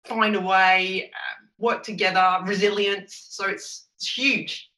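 A woman's voice: medium pitch, steady tone, slow pace, sharp tone. A woman with an Essex accent talking as an upbeat, emphatic interview guest. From Essex, England. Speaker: podcast guest, chief executive. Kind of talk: enthusiastic interview conversation. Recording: roomy echo, distant from microphone.

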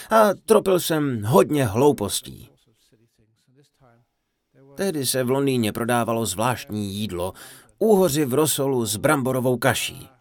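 A man giving a humorous dharma talk, telling a funny story in an animated, playful way. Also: mid-range voice. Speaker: Czech voice-over of a Buddhist teacher's talk.

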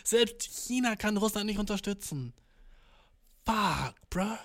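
Reacting to news on stream, a young man speaks slowly with lively intonation in a fairly high voice. His casual commentary is profane and slangy, peppered with English words and mock voices for the countries in question.

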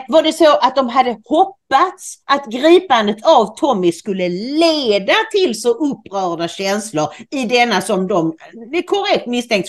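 A woman co-hosting a casual news commentary podcast, musing speculatively and often restarting her sentences. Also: mid-range voice. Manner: speculative, stumbles and restarts mid-thought. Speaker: podcast co-host.

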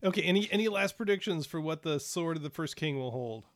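A man's voice: fairly high pitch, lively intonation, quick pace, no room sound, clean studio sound. A man hosting a podcast, joking with his players and then giving the show's sign-off. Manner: playful, wraps up with show sign-off. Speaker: podcast host and game master. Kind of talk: casual chat.

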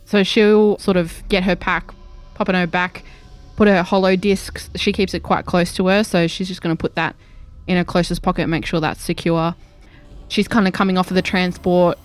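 A woman playing in a tabletop game, describing her character in a chatty, hesitant way, full of likes and sort-ofs. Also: on the low side. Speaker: player. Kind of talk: casual tabletop play.

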